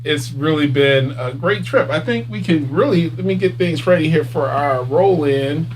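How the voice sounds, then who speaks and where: Middle-aged man, podcast host, relaxed rambling chat, slight hum behind. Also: fairly high pitch, normal speed. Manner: chatty, laughs, loose phrasing. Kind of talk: casual live-stream chat.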